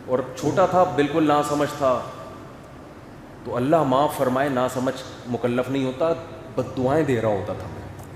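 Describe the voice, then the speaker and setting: A man preaching a sermon, animated and acting out family scenes. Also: medium pitch, a little hiss or hum. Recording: echoey hall, faint ambience.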